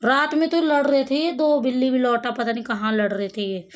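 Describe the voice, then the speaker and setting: A woman's voice: sits high, steady tone, a little fast. A woman filming a cat in her home courtyard on a phone, talking to it and calling it in a coaxing, sing-song way. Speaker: pet vlogger. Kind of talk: casual talk to a cat while filming. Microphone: phone camera.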